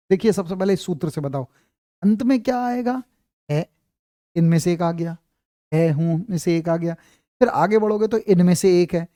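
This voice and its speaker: A man teaching Hindi grammar in an online class, slowly repeating example sentences and speaking into a clip-on mic. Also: sits high, dark tone, dry recording, studio quality.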